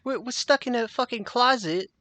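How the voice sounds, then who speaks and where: A man's voice: very high voice, wildly swooping pitch, a little slow, pushed and bright, no echo, pitched above the performer's own voice, exaggerated voice. A man voicing a panicky young male thug who has been taken prisoner, frantic and cursing. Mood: panicked.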